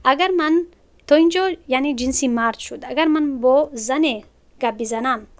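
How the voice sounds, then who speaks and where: Woman teacher, Tajik-accented Persian, high voice, smooth clear tone, patient step-by-step explaining. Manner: patient, explains step by step, repeats words slowly. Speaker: Arabic teacher. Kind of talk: online grammar lesson.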